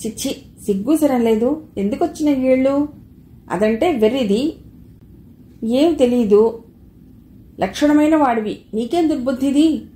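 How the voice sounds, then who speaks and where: Shrill, sharp-tongued middle-aged housekeeper, as a woman reader puts her on in a storybook reading, pitched up high. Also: roomy sound, close to an everyday voice.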